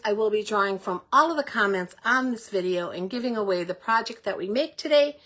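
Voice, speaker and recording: An older woman from Middle Tennessee in the United States hosts a paper crafting livestream, chatting casually and breathlessly. Her voice is on the high side and a bit bright, and she greets viewers by name.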